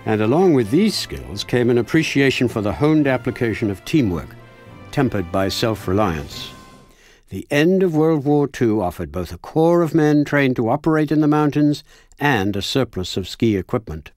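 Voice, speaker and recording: A male documentary narrator reads a scripted history in a measured way. His pitch moves in a lively, wide range. Faint music plays underneath.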